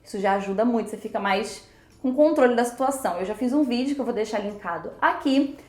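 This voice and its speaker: A woman teaching in a casual video lesson, chatty and quick, sometimes acting out examples. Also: on the high side, expressive, a little mellow, echoey room. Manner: chatty, fast-talking, switches into English examples. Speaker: English teacher.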